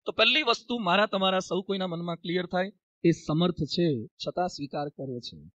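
A man's voice: sits high, moderate pace, no room sound, highs cut off. A man, a monk, preaching a sermon with a Gujarati accent and acting out stories as he tells them. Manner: animated storyteller, acts out dialogue. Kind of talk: sermon with storytelling.

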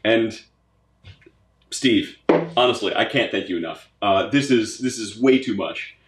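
A man's voice: on the low side, unhurried, noisy background. A man hosting a casual unboxing vlog, talking enthusiastically and repeating his words as he goes through a gift box. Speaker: pipe tobacco channel host. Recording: roomy echoey room sound.

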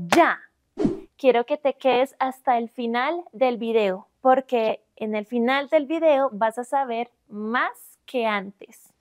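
A young Colombian woman teaching Spanish grammar, giving examples slowly and clearly in Spanish and English. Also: on the high side, no room sound, studio quality. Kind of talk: bilingual grammar lesson.

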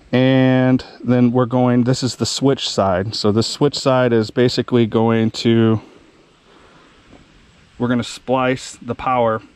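A man's voice: medium pitch, a little mellow. A man hosting a do-it-yourself video outdoors in a wooded yard, explaining his project in a plain conversational way with fillers, recorded on a body-worn camera. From Ohio. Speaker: DIY outdoors channel host. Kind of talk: casual how-to explanation.

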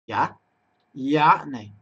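A young man giving live commentary on his own football game, chatting to viewers and breaking into loud excited yells at big chances. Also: mid-range voice, extremely slow, breathy edge, muffled recording. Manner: talks to himself and chat, bursts into loud excited shouting at chances. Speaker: gaming streamer. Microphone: desk microphone.

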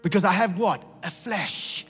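A male pastor preaching a sermon in a church, telling stories and acting out voices with lively energy. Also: high voice, unhurried, long reverb tail, faint music behind. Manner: animated storytelling with acted-out voices. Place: church sanctuary.

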